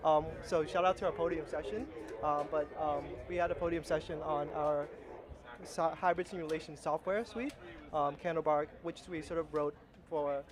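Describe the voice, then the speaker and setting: A man's voice: a little high, normal speed, a crowd in the background. A young man from Vietnam, a rocketry team's flight simulation lead, talking casually outdoors at a launch site with many fillers and restarts. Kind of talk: casual interview.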